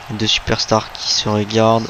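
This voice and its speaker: Male wrestling commentator over noticeable background noise. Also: on the low side. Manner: exclaims at big moves, calls them out. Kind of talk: play-by-play wrestling commentary of a video game match.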